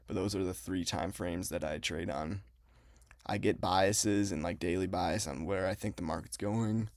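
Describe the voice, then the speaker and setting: Young male vlogger, low creaky voice, casual explainer delivery, mouth numb from dental work, close dry sound. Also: darkish tone, no room sound. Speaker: trading vlogger. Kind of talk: casual explanatory vlog talk.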